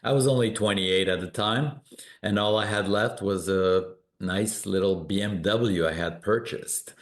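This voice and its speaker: Man, middle-aged, very deep voice, interview guest, reflective storytelling, some hesitations. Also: unhurried. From born in Morocco, raised in Canada. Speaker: guest, business founder. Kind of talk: conversational interview.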